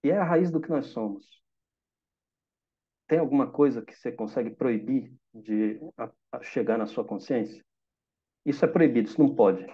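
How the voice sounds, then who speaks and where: A man with a Brazilian Portuguese accent giving a calm, reflective meditation talk, teaching through simple examples and questions to listeners. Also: mid-range voice, normal speed, slightly rough, highs cut off.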